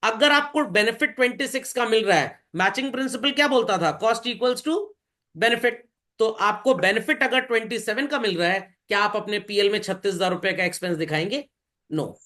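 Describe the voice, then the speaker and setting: Teaching accounts in a classroom, a man speaks at a moderate pace in a high, bright, forceful voice. He questions his students and supplies the answers himself while explaining, blending Hindi with English and calling his listeners bhai and children.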